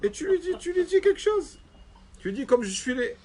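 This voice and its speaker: A man's voice: very high-pitched, big pitch swings, fairly quick, a little mellow, pitched above the performer's own voice. A man voicing a humble, stubborn man who scolds a proud teacher in a retold story. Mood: reproachful.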